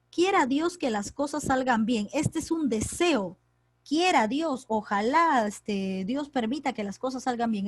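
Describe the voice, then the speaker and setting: A woman's voice: fairly high pitch, dry recording. A woman teaches an online grammar class, explaining step by step and checking in with her students.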